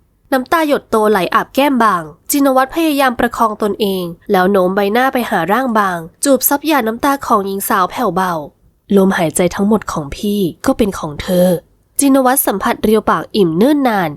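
A woman narrating a romance novel in smooth, scripted storytelling. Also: a little high, expressive, fast, few pauses, dry recording, studio quality. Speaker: audiobook narrator.

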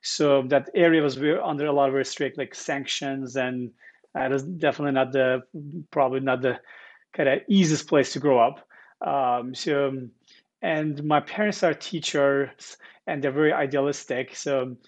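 A man's voice: medium pitch, steady tone, normal speed. Man telling his story. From Turkey. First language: Turkish. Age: 40s. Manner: earnest, repeats words while searching, fillers. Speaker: guest founder. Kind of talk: casual interview storytelling. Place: living room with armchairs, indoors. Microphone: earbuds on video call.

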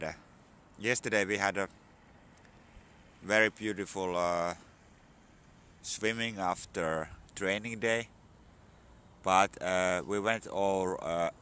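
Outdoors on a sunny spring morning, a man in his forties from Finland records a casual vlog with his phone at arm's length. His deep voice sounds pushed and bright, a bit hoarse from a cold, as he speaks halting, filler-laden English with a Finnish accent against slight background noise.

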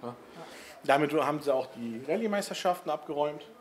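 A man chatting casually about a classic car in his garage vlog, laughing often and tagging sentences with quick questions. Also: on the high side, lively intonation, slight background noise. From Italian family background. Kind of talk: casual chat.

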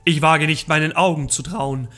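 A man's voice: a little high, steady tone, normal speed, pushed and bright, soft background music. A man voicing a boastful mighty male wizard hero, declaiming in an old-fashioned way, read from a book in a game. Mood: proud.

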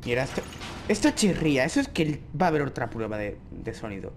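A man with a Spain Spanish accent giving excitable let's play commentary, often yelling in panic. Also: medium pitch, quick pace, slight background noise. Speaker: gamer host.

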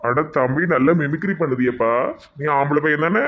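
A man's voice: fairly high pitch, normal speed, dull audio, background noise. A man with a Tirunelveli Tamil accent taunting someone in a village comedy sketch. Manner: taunting, bullying.

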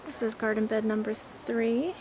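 A woman giving a casual walking tour of her backyard garden, relaxed and admiring, thinking aloud with some fillers. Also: on the high side, moderate pace, a crowd in the background.

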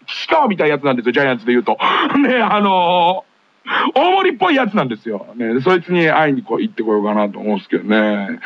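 A man hosts a late-night radio show, spinning rambling comic stories in a quick, husky, fairly high voice. His pitch jumps around constantly as he talks. The sound is dull and lo-fi, as if taped off the air. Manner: rambling comic storytelling with frequent laughs. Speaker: radio host. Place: radio studio.

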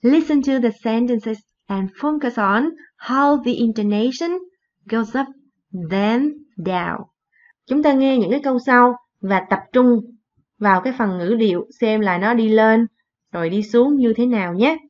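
A woman's voice: fairly high pitch, darkish tone. A woman teaching an English lesson, reading phrases and repeating them in translation. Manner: explains slowly, repeats in translation. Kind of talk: bilingual classroom lesson. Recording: dull lo-fi recording.

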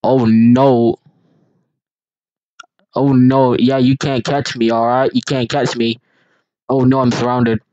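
Speaking slowly with long pauses, this man delivers a flat, mellow, mid-range read for an amateur fan dub of an animation. He rambles and tosses in goofy, unserious ad-libs with pretend alarm, and the dry recording has its highs cut off.

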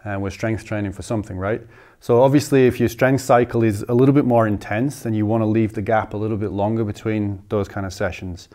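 A man's voice: lowish voice, fairly quick. A man in his thirties, a strength coach, explaining training methodically in an indoor gym. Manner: steady, methodical listing of figures. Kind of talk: instructional explanation.

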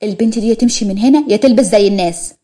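A woman's voice: medium pitch, racing, dark tone, lightly acted. A woman with an Egyptian accent voicing a jealous young wife who scolds sarcastically. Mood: scolding. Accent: Egyptian Arabic.

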